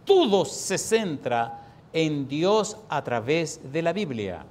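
Animated storytelling preacher in his sixties. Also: a little high, slow pace, slight background noise. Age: 60s. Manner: animated storyteller, rising for repeated refrains. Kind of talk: sermon with storytelling.

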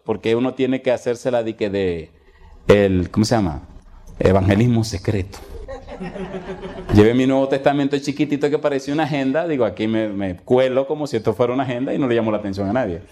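A man preaches through a funny story from his ministry. His voice sits at a middle pitch and he jumps into the characters' lines. He keeps it lively and conversational. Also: a little fast. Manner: humorous, animated, acts out dialogue. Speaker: pastor. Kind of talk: storytelling sermon.

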